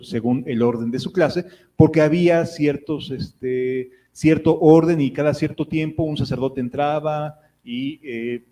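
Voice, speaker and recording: A man's voice: mid-range voice, mellow, rough recording. A man preaching a sermon, reading Bible verses aloud and explaining them in a conversational way, with fillers.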